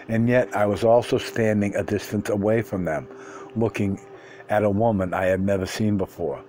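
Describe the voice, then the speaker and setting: A man reading a first-person story aloud, unhurried, sometimes stumbling and restarting words. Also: lowish voice, darkish tone, slight background noise. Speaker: reader.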